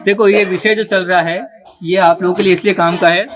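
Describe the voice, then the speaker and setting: A man's voice: sits high, steady tone, fairly quick, a crowd in the background. A man teaching a gathered group, explaining step by step and often checking that his listeners follow. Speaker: teacher of religious recitation. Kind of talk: live teaching talk to a group.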